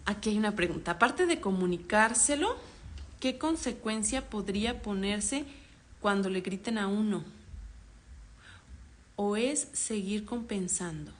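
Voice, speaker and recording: A woman psychologist with a Mexican accent, giving an online parenting workshop, explaining calmly and acting out example dialogues. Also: medium pitch, unhurried, pauses often, a little hiss or hum.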